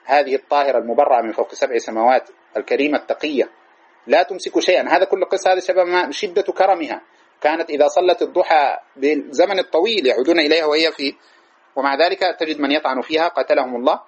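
A man gives a fast religious lesson, racing through old narrations and acting out the quoted lines as he goes. His voice is husky and sits a little high, and the live-stream audio sounds dull and lo-fi. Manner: retells narrations with quoted speech, lively storytelling. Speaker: hadith teacher.

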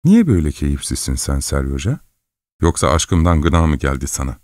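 A man's voice: extremely low pitch, sing-song, moderate pace, a little mellow, no echo, clean studio sound. A man voicing Katerina, a jealous young wife. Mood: rapturous. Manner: pleading, possessive, rapturous.

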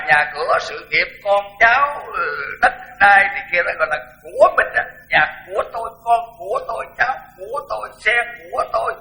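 A man's voice: high-pitched, bright, forceful tone, poor audio. An older man, a Buddhist monk, giving a frank, blunt dharma talk and repeating words for emphasis.

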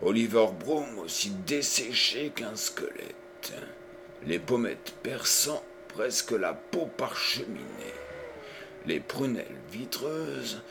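A man reading a novel aloud as an audiobook, with a measured, dramatic delivery. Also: mid-range voice, very animated, gravelly, noisy background. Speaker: audiobook reader. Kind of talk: scripted narration.

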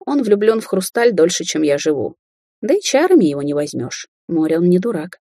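A grumbling, defensive middle-aged sorceress, as a woman reading aloud puts her on. Her voice is low, husky and mellow, with a dry storybook delivery. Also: big pitch swings, brisk, dry recording, full character voice. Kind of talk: audiobook character voicing.

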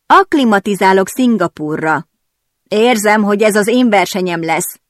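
A woman's voice: medium pitch, lively intonation, dry recording, voice pushed up, natural voice. A woman reading an audiobook, voicing a hot-tempered young male racing driver who speaks bluntly and with stubborn resolve, recorded close and dry. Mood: bitter. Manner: bitter, blunt, determined.

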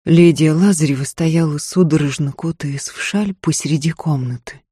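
A woman reading an audiobook narration in a measured, even manner. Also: deep voice, slightly rough. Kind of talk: scripted narration.

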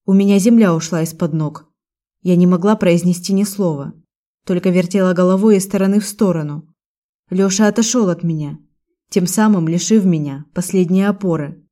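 A woman giving a steady, even first-person narration of a novel as an audiobook reader. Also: fairly low pitch, moderate pace.

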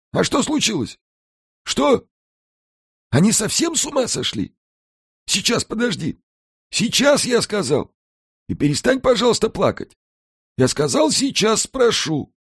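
A man voicing an excitable, scheming male house brownie in an audiobook, brash and wheedling. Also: high-pitched, vocal fry, husky, dry recording, studio quality, voice pushed up, heavily acted. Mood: agitated. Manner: fast-talking, brash, wheedling. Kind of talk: audiobook character voice.

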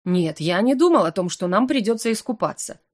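A woman's voice: medium pitch, lively intonation, brisk, natural voice. A woman reading the lines of a teasing, seductive male incubus professor in an audiobook, with a purring, playful manner.

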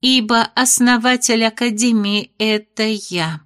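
A woman's voice: fairly high pitch, a little slow, fairly bright tone, clear, resonant tone. A woman voicing a nervous, secretive fairy headmistress who answers evasively and tries to soothe, in an audiobook reading.

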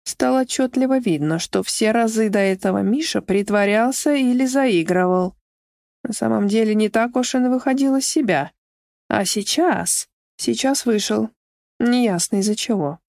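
A woman narrates a novel aloud in an expressive storytelling manner. Her voice sits fairly high. The recording is dry and close, with no room around it. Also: moderate pace, creaky, no echo. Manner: expressive, shifting into shrill character voices. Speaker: audiobook narrator. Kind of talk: scripted narration.

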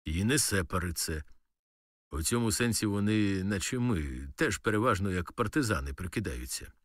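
A man voicing a gruff male frontline soldier in an audiobook, blunt and profane. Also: deep voice, lively intonation, normal speed, no room sound, clean studio sound.

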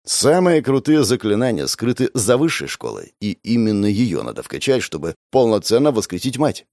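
A man narrating a first-person audiobook in an expressive, wry manner, voicing all the characters. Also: fairly low pitch, normal speed, no room sound.

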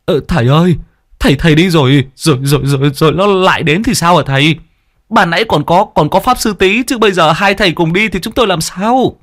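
A man's voice: fairly high pitch, a little fast, a bit bright, voice pushed up, lightly acted. A man voicing a frightened villager who stammers and pleads in a spoken ghost story. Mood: pleading.

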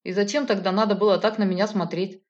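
A woman's voice: mid-range voice, steady tone, quick pace, darkish tone, lightly acted. A woman voicing an emotional, impulsive grown man who pleads and argues with his partner. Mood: heated. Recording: slightly dull lo-fi audio.

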